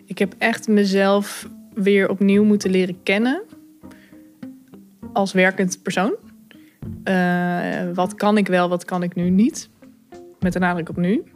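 A woman telling her own story, thoughtful and candid, pausing with fillers and small laughs. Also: medium pitch, level tone, faint music behind. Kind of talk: personal account, reflective.

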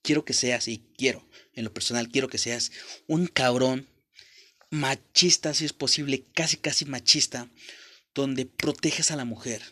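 A man's voice: mid-range voice, fairly even intonation, measured pace, sharp tone. Casting: young Mexican man, Mexican accent, podcast host, crude and blunt motivational monologue, mid-range voice. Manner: blunt and profane, talks straight to the listener.

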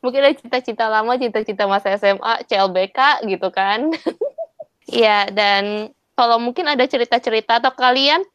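A young adult woman co-hosting a podcast, explaining things and wrapping up the episode in a relaxed way. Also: mid-range voice, clean tone, no room sound, highs cut off. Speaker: podcast co-host. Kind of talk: casual chat.

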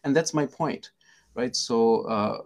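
A middle-aged man from India with an Indian accent, a guest telling his story in an interview, halting and self-deprecating, with many fillers and restarts. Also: medium pitch, vocal fry, a little mellow. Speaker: guest, psychiatrist.

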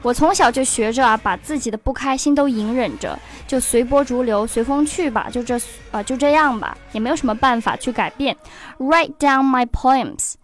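Woman, higher voice, teaching song lyrics, slow careful reading of lines, soft music underneath. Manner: reads English lyrics slowly and deliberately, then explains in Chinese. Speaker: English teacher presenting a song lesson. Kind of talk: scripted lesson explaining song lyrics.

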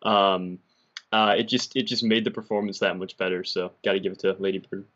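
A young man chats as a podcast guest, relaxed and loose, with many fillers. His voice is somewhat low. The audio is muffled and lo-fi. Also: brisk. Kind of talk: casual chat.

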